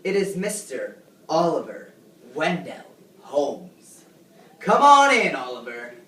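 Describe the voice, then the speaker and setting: A teenage girl hams it up as a gushing talk-show host flattering her guests in an amateur skit. She speaks a little slowly in a low-pitched voice with big swings in pitch, picked up by a distant mic in an echoey room with faint noise.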